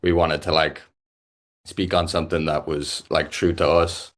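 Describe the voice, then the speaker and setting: With a very deep, level voice, this young Irish musician chats informally as an interview guest. His delivery is halting, packed with fillers and false starts.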